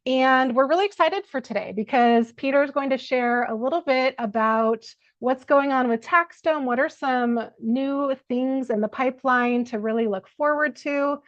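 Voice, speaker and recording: Woman, host, upbeat, welcoming, slightly high pitch, dry dull lo-fi sound. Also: moderate pace, hardly any pauses, no echo. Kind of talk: scripted-feeling live webinar intro.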